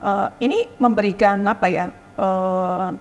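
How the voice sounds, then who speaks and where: A woman's voice: medium pitch, a little slow, faint music behind. Chatty woman in a reverberant hall. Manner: chatty, tags sentences with "gitu ya". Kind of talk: panel discussion.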